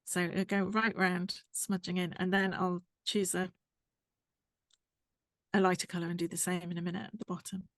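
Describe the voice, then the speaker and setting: A woman, explaining a drawing tutorial step by step while she works, her voice going hoarse. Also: on the low side, little pitch movement, moderate pace, pauses often, dry recording, clean studio sound. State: losing her voice. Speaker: art tutor.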